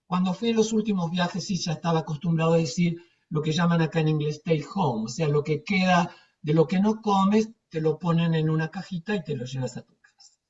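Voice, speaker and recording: Her voice sits low with a darkish tone and a slightly fast pace as this older Argentine theatre teacher rambles through casual anecdotes, emphatic and full of repetitions. A far-off, muffled microphone dulls the recording.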